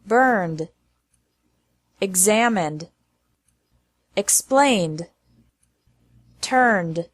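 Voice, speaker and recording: A woman teaching English pronunciation, drilling lists of single words. She speaks at a very slow, measured pace with a mid-range voice and carefully enunciates each word. The recording is dry and close, with no room sound. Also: mid-range voice, dry recording.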